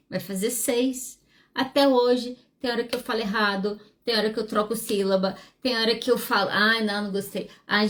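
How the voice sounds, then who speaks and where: A woman, hosting a solo podcast as a psychologist, speaking frankly and animatedly with wide swings in pitch. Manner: frank and self-deprecating.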